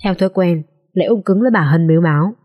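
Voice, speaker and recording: A woman narrating a dramatic social drama audiobook in an expressive storytelling manner. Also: lowish voice, quick pace, lo-fi sound.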